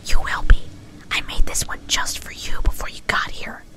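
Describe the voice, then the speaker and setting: A woman's voice: normal speed, bright, forceful tone, natural voice. A woman voicing a gleeful, overexcited young female cartoon pony in an ASMR-style story reading. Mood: cheerful, coaxing. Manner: bouncy, gushing.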